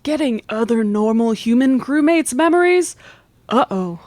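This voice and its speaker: Lady doing a robot pretending to be a human crewmate, stiff and formal, highish, dry mic. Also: lively intonation, measured pace, darkish tone, no echo. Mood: stiffly polite. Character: android crew member clumsily posing as human. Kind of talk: comedic sci-fi audio drama.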